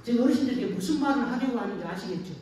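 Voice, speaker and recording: Woman pastor, folksy call-and-response sermon, slightly high voice, distant mic in a reverberant room. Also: expressive, very fast, dark tone. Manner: folksy storytelling, frequent call-and-response questions. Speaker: pastor at an elder care center. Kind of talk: sermon to elderly congregation. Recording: echoey room, distant mic, faint noise.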